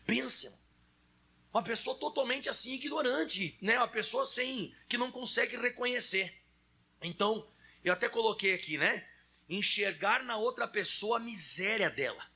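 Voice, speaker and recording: A male preacher with a Brazilian Portuguese accent, his voice high and bright with a husky edge. He talks to the congregation in a chatty, direct sermon style, calling on them to answer back. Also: lively intonation, moderate pace.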